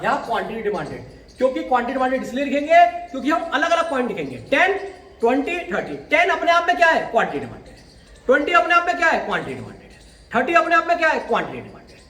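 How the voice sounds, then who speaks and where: A man's voice: very high voice, roomy sound. A man teaching economics, explaining step by step and answering his own questions, mixing in English terms. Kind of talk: classroom lecture.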